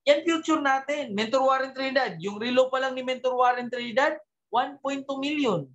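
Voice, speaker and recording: The audio is dull, but this man's very high voice comes through at a moderate pace as he rallies a business team with an animated talk. He drops in English words and keeps asking his audience rhetorical questions.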